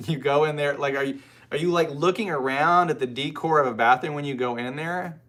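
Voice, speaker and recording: An American man talks a little fast on his informal livestream, going through viewer comments and responding in a rambling way with many asides. His voice is a little high and fairly bright in tone.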